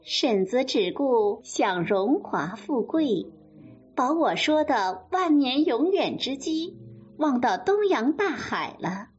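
A woman storyteller voicing the ghost of a dead young wife, speaking slow, low and reproachful. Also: sing-song, husky, full character voice. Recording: dull lo-fi sound with faint music.

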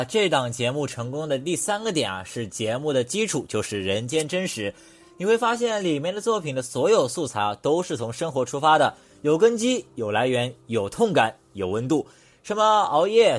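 Guy doing scripted commentary, medium pitch, very lively and emphatic.

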